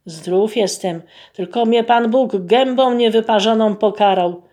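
Storybook peasant, scared and complaining, voice pushed higher; a woman reads him. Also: unhurried, warm tone, close to an everyday voice. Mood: lamenting. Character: frightened, rash village peasant man, middle-aged.

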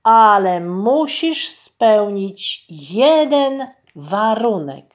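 A woman's voice: mid-range voice, very animated. A woman doing a stately enchanted princess. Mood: solemn. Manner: slow, solemn, measured. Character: enchanted golden duck princess, regal and stern.

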